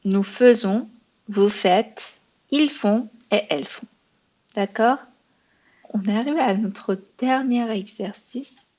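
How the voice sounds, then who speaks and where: A woman's voice: on the high side, takes it slowly, a little mellow, highs cut off. A woman teaching a beginner language lesson, patient and thinking aloud as she explains, sometimes correcting herself. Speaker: French teacher.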